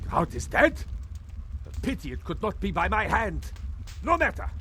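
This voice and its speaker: High, fanatical witch-hunting zealot. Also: very animated, normal speed, bright, forceful tone, a little hiss or hum, full character voice. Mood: righteous contempt. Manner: declamatory, preaching, grandiose. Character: fanatical male religious vampire hunter, wrathful and righteous. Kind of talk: video game villain acting.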